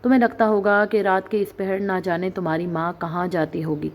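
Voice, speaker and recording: A woman voicing a worried, secretive middle-aged mother who turns sharp and scolding when crossed, in a storybook reading. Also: mid-range voice, level tone, natural voice. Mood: stern.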